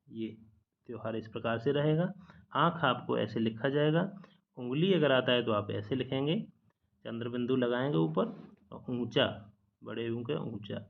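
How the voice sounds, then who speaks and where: Gravelly male teacher, patient and repetitive. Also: mid-range voice, phone-quality sound. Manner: explains patiently, repeating each correct spelling; mixes English words into the lesson. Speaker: exam-prep teacher. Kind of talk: slide-based spelling lesson.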